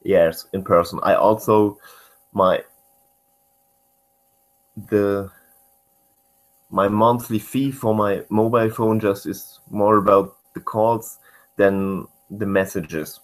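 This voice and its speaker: A man's voice: fairly low pitch, steady tone, slow pace, long pauses, poor audio. A man from East Germany with a German accent, answering interview questions hesitantly and searching for words in English.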